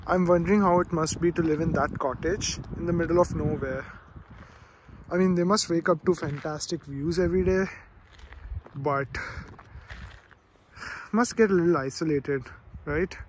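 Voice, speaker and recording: Addressing his viewers directly in a casual travel vlog, this enthusiastic twenty-something speaks at a fairly high pitch with fairly even intonation and moderate pace, pausing often. He's filming outdoors and in a rented cottage, and there's slight background noise.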